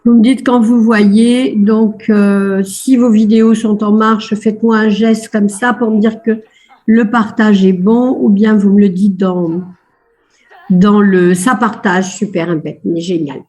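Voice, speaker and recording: A woman's voice: medium pitch, steady tone, unhurried, warm tone. A woman life coach leading a live online coaching webinar over a video call, upbeat and chatty, often repeating words of praise between fillers.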